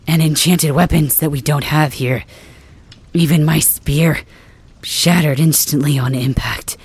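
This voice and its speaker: A woman performing a wounded warrior leader who can't move and drifts toward sleep, speaking in a weary half-whisper. The voice is low, slow and husky. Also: darkish tone, heavily acted. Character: wounded, paralyzed young warrior leader, proud and protective. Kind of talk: ASMR roleplay audio drama.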